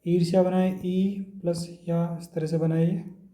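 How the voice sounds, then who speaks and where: A man teaching an exam-prep lesson, going through words one by one in a steady drilling way. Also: high voice, a little slow, echoey room.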